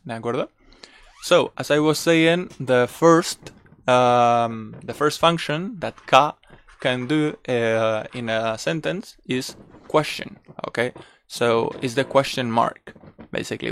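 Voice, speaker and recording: A man teaching a bilingual language lesson, going slow and repeating each word, switching between Spanish and English. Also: medium pitch, fairly bright tone. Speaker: Japanese teacher.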